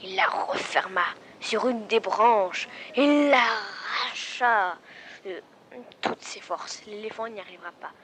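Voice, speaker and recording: Woman telling a halting animal story. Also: mid-range voice, a bit bright. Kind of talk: improvised animal story narration.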